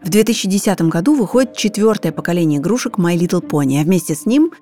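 A woman's voice: fairly low pitch, lively intonation, quick pace, dark tone. A woman giving explanatory, scripted documentary narration. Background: background music.

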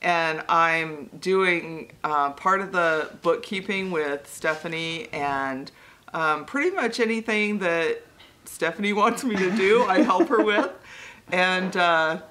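A woman's voice: fairly low pitch, takes it slowly, a bit bright, a little hiss or hum. A woman guest talking casually about her mission admin work, cheerful and giggly. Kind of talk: casual interview.

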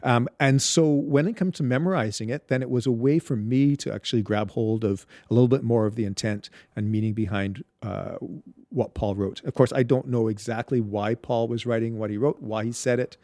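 Halting, reflective man with dry sound. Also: mid-range voice, dark tone, no room sound. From Barbados. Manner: halting, many restarts and fillers. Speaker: guest, Bible storyteller. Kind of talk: reflective interview talk.

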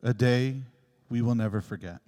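A man's voice: mid-range voice, normal speed, mellow. A man giving a reflective, personal homily in an earnest storytelling way, his voice ringing with a long cathedral echo in a large church. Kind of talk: reflective sermon.

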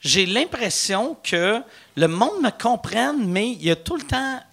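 A man's voice: very high-pitched, a little slow. A man with a Quebec French accent hosting a live podcast, joking and talking over his guests. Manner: animated, joking, talks over others. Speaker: podcast host. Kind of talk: casual live podcast chat. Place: live show in a bar venue.

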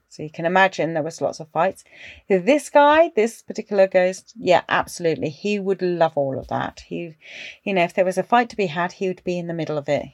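A middle-aged woman with a fairly low pitch hosts a podcast, casually telling her own ghost story in studio-quality audio with no echo. She's animated but drops to hushed tones for suspense.

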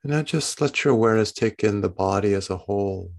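Male meditation guide, gentle bedtime-narrator delivery, gravelly low register, long pauses. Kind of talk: guided body-scan meditation, unscripted.

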